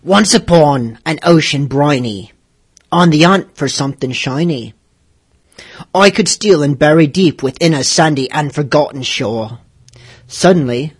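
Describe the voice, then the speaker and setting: A man's voice: on the high side, breathy edge. A man voicing a scary pirate who recites a grim parody shanty as a dramatic reading. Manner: theatrical, spooky storytelling.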